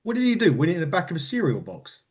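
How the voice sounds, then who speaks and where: A man co-hosting a podcast in casual chat about wrestling, rambling and animated, often laughing and restarting sentences. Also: a little high, rapid-fire. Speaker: podcast co-host.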